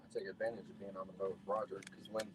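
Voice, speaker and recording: A man's voice: sits low, flat delivery, racing, a little hiss or hum, rough recording. A man in his late twenties chatting and joking easily with friends on a fishing boat. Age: 20s. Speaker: fishing partner. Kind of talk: casual storytelling chat.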